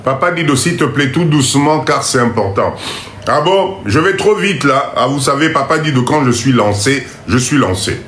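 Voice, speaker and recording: A man with a Congolese French accent and a cold-blocked nose hosts a motivational live stream, urging viewers on emphatically and repetitively. His medium-pitched, fairly bright voice is expressive and moves at a moderate pace. The room echoes, with faint background noise.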